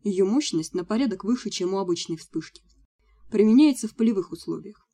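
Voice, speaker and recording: A woman's voice: medium pitch, lively intonation, brisk, dark tone, husky. Woman reading as a cocky young agency leader. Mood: explaining.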